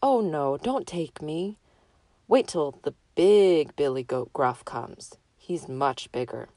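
The middle-sized billy goat of a storybook speaks in a plain, fuller voice, as a woman reads him. He talks low and unhurried. The sound is close and dry. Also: expressive, mellow, no echo.

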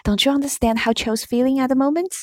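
A clever, bossy teenage witch who lectures the boys briskly and loses patience fast, as a woman reading a storybook puts her on. Her voice sits higher than the reader's own, and the sound is close and dry. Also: no echo, close to an everyday voice.

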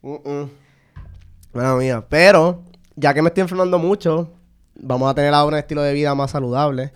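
A young Puerto Rican man with a blocked nose trades slangy jokes in relaxed podcast banter. His voice sits a little high and comes through smooth. He swears freely and laughs between lines. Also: a little fast, faint music behind. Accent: Puerto Rican Spanish. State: congested, stuffy nose. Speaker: podcast co-host. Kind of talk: casual banter.

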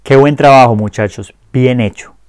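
A man teaching a lesson, speaking clearly and slowly modeling pronunciation for learners to repeat. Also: medium pitch, darkish tone, no echo, clean studio sound. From Colombia. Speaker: Spanish teacher. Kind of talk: language lesson.

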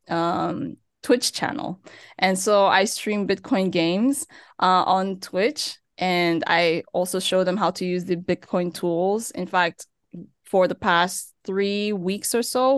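Chatty and laughing often, a young Turkish woman living in Nigeria talks casually as a podcast interview guest, using many fillers. She has a lowish, clear, resonant voice, captured with studio quality and no room sound.

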